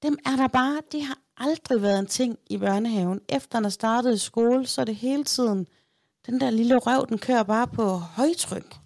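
A woman's voice: fairly high pitch, a little mellow, no echo, clean studio sound. A woman in her thirties, a podcast co-host, chatting casually and candidly, telling stories about her children and acting out their voices. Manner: candid storytelling, acts out her kids' voices. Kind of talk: casual chat.

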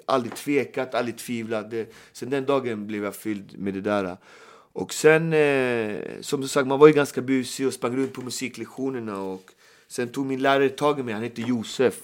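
A middle-aged man telling stories in a casual podcast chat, acting out the voices of people he quotes. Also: medium pitch. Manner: animated storyteller, acts out quoted voices. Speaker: guest storyteller.

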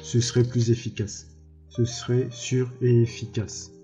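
A man voicing a cold, calculating advisor with a sly, measured delivery. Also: medium pitch, level tone, mellow, dull audio, soft background music, lightly acted.

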